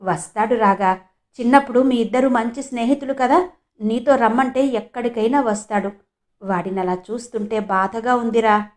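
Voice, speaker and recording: A woman's voice: on the high side, steady tone, moderate pace, darkish tone, lightly acted. A woman voicing a middle-aged village mother who speaks in a sorrowful, beseeching way in an audiobook. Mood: pleading.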